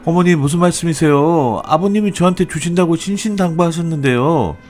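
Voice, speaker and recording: A man's voice: on the high side, brisk, a little mellow, soft background music, pitched above the performer's own voice, lightly acted. A man voicing a wronged young daughter-in-law who talks back sharply and indignantly.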